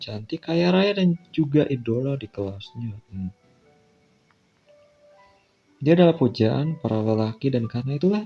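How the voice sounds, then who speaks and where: A medium-pitched, darkish male voice with an Indonesian accent reads a visual novel aloud during a casual playthrough, tossing in offhand asides. The mic sounds dull and lo-fi, with music behind him.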